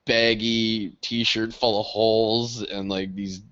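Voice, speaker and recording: A young man, the podcast co-host, telling a story in casual chat, animated and swearing freely, laughing often. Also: on the low side, takes it slowly. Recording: dull lo-fi podcast audio.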